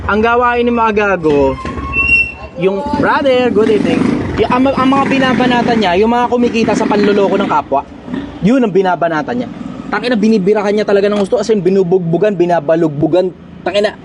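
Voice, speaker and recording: A man's voice: sits high, noisy background. A middle-aged Filipino man hosting a casual question-and-answer talk, blunt and profane, repeating lines for emphasis. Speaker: host answering viewer questions.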